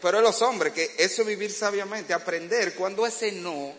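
Un predicador con acento dominicano que da un sermón sobre el matrimonio con humor e imita escenas de la vida en pareja. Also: male voice, high-pitched, moderate pace, fairly bright tone. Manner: humorous, acts out domestic scenes. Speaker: preacher. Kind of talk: sermon to couples. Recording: reverberant hall, faint background noise.

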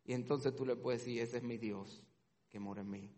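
A man's voice: medium pitch, steady tone, normal speed. Impassioned male preacher in a reverberant hall. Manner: dynamic preaching, swings from hushed to shouting. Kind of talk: sermon. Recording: long reverb of a large hall.

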